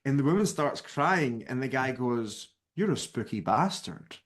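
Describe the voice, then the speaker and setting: A man's voice: mid-range voice, a little slow. A man from Scotland in his thirties, a spiritual author telling a personal story as a guest and acting out the people in it. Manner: lively narrator who acts out the people in his story.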